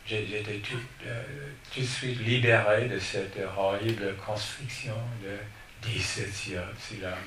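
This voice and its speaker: A man, a poet, speaking at a public talk, slowly searching for his words with many restarts. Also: lowish voice, little pitch movement, fairly bright tone. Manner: slow, halting, searching for words. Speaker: poet being interviewed. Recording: roomy, distant, noisy room mic.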